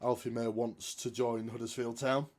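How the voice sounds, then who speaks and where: A man's voice: medium pitch, little pitch movement, normal speed, darkish tone. Guy co-hosting a footy podcast, dry jokey self-mocking humour. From Yorkshire, England. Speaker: podcast co-host. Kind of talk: casual football chat.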